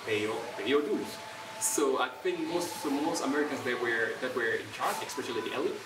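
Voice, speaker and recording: Fast-talking young man from Gambia, distant. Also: mid-range voice. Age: young adult. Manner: fast talker with many "uh" fillers and restarts. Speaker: guest, entrepreneur. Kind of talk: interview answers. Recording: roomy, distant, loud ambient noise.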